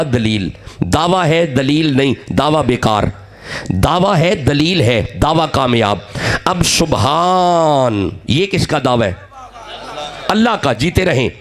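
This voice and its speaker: A man delivering a fiery sermon to a crowd, rousing them with rhythmic repetition and calls to respond. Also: fairly high pitch. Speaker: religious speaker.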